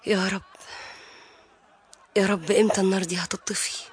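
A woman's voice: mid-range voice, flat delivery, moderate pace, close to an everyday voice. An actress with an Egyptian Arabic accent playing Hagar, a sorrowful mother narrating her grief. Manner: grieving, reflective narration.

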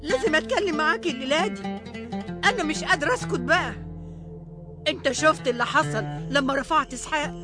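A woman's voice: high-pitched, quick pace, long pauses, over music, lightly acted. An actress with an Egyptian Arabic accent playing Sarah, a protective, jealous mother who speaks insistently. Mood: pleading. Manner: insistent, pleading.

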